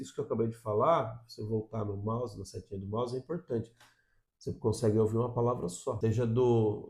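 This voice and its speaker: A man's voice: mid-range voice, mellow. A Brazilian man with a Brazilian Portuguese accent, teaching English in a casual video lesson, upbeat and often checking in with "tá?" and "ok?".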